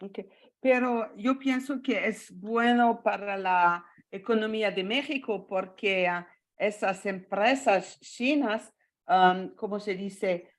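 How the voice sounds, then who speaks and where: Non-native woman w foreign accent asking a question, slow and halting, hunting for words. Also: mid-range voice. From not a native Spanish speaker. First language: not Spanish. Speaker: audience member asking a question. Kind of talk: spontaneous question at an online meetup.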